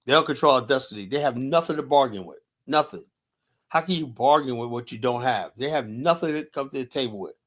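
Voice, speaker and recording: A combative man rants on a live stream in a mid-pitched voice. He talks bluntly and profanely and keeps dropping "you know" as he argues. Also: a little fast, fairly bright tone. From United States. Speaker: host.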